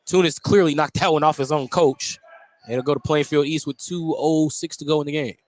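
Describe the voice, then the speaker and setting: An American basketball announcer calls a high school game live on the radio from an indoor gym. His voice sits on the high side and is a little mellow, with fairly even intonation and a slightly fast pace. The broadcast is clearly noisy with gym sound.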